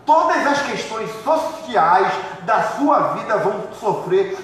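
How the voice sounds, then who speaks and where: Male pastor delivering a lively sermon in a church hall; long reverb, faint background noise. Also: high voice, slow. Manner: lively preaching, acts out congregants' complaints. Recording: echoey hall, far from mic, faint noise.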